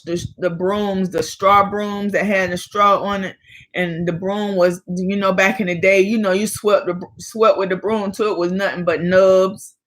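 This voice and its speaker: A woman hosting her own vlog, telling a personal story from childhood in a lively, colloquial way. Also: medium pitch. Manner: lively, colloquial, acts out family members in quotes. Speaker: vlog host.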